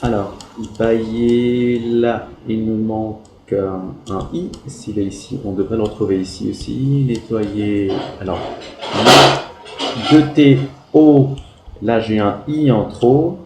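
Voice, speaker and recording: A man's voice: fairly low pitch, slow, roomy sound, heavy background noise. A man teaching a primary class, going over pupils' spelling work and spelling words out letter by letter.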